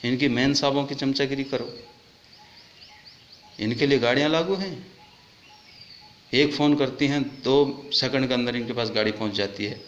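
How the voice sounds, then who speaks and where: A man speaking out as a soldier in an impassioned, accusatory monologue that keeps climbing into loud outbursts. His voice sits at an ordinary middle pitch. It bounces around an echoey room, with faint ambient noise underneath. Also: lo-fi sound.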